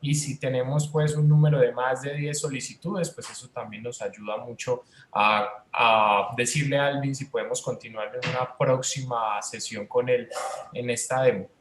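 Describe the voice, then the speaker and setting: A man's voice: mid-range voice, fairly even intonation, moderate pace, slight background noise. Man hosting a livestream in an echoey room. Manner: loose, filler-heavy, addressing viewers. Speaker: host of a community livestream.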